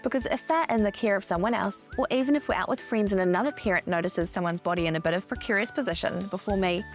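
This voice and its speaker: A woman in her thirties hosting a podcast, giving an upbeat scripted monologue that explains each point with lively emphasis. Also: mid-range voice, fast talker, faint music behind. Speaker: podcast host.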